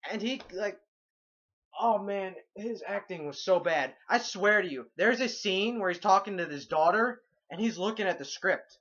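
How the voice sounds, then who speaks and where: A young man ranting sarcastically through a movie review, swearing constantly and breaking into loud outbursts. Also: sits high, normal speed, slightly rough, muffled recording.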